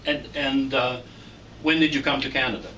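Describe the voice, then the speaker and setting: A man reading a formal introduction and then interviewing a student in a measured way. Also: mid-range voice, steady tone, sharp tone, highs cut off. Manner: measured, reads a prepared introduction. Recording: distant mic with faint noise.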